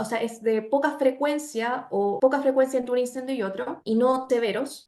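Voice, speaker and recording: A woman's voice: on the high side, a little mellow. A woman from Chile with a Chilean Spanish accent and Spanish as her first language, a postdoctoral researcher explaining her study as an interview guest. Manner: earnest, explanatory, pace shifts between quick and slow.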